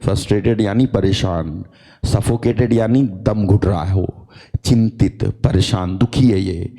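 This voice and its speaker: A male pastor delivers a sermon at an unhurried pace, stacking phrase on phrase for emphasis. His voice is warm and dark, never sharp. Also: fairly low pitch, creaky, big-room sound. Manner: emphatic, repetitive preaching.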